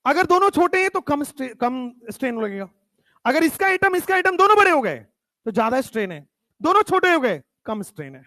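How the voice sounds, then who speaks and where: A man teaching chemistry in a lecture, stressing key terms and repeating them, his voice dropping low whenever he states a definition. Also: big pitch swings, brisk, bright, forceful tone, dry recording. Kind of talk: classroom lecture.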